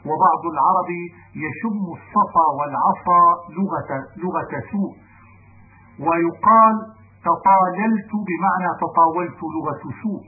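A man reading a classical grammar text aloud in a measured, deliberate recitation. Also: high-pitched, faint music behind. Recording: narrow phone-like band with faint noise.

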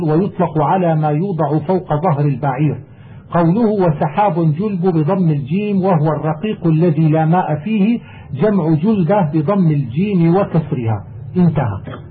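High-voiced man reciting over tinny audio. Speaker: teacher reading a lexical text. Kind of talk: reciting verse and reading commentary. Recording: tinny phone-like audio with faint hiss.

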